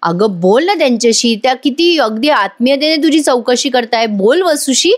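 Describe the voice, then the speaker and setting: Woman doing a middle-aged husband coaxing his wife, higher than usual. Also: animated, normal speed.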